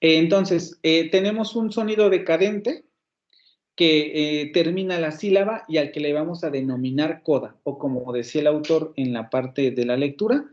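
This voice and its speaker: A man's voice: on the high side, normal speed, dull audio. A man with a Mexican Spanish accent giving an online university phonetics lecture, explaining step by step with fillers and self-corrections.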